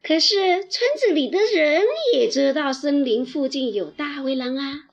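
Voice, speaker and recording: A woman teacher telling a bedtime story to children, slow and gentle with lively storytelling. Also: sits high, muffled recording.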